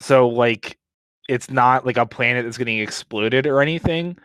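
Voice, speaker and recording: Young man, frat-bro slang and swearing, casual chat, mid-pitched, very little room sound. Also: moderate pace, fairly bright tone, no echo, poor audio. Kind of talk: casual group chat about games and anime.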